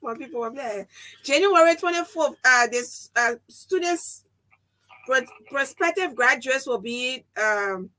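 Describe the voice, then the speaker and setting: A woman's voice: high-pitched, animated, measured pace, pushed and bright. A Liberian woman hosting a live phone-in with a three-way phone call, informal and hesitant, repeating herself. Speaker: radio talk show host juggling a three-way phone call. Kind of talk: casual live phone-in chat.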